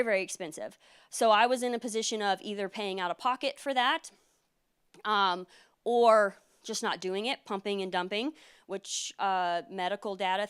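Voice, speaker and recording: A woman in her thirties gives a conference talk in a smooth, resonant voice that is slightly hoarse. She explains earnestly, with frequent fillers, at a medium pitch. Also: fairly bright tone. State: losing her voice. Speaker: military lawyer presenting at a conference. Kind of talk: conference presentation.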